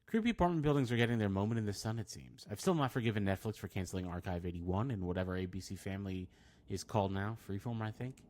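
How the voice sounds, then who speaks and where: A man's voice: fairly low pitch, fast talker, darkish tone. A man reading a scripted film review, with wry, dry asides.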